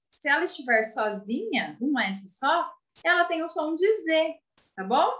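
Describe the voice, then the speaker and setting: A woman's voice: high voice, pushed and bright. A woman teacher with a Brazilian Portuguese accent giving a video lesson to children, patiently spelling out and repeating words and checking that the class follows. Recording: roomy echo.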